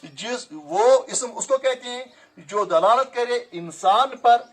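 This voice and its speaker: A male teacher giving a classroom grammar lesson, slowly repeating phrases and quizzing his students. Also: very high-pitched, fairly bright tone. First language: Kashmiri.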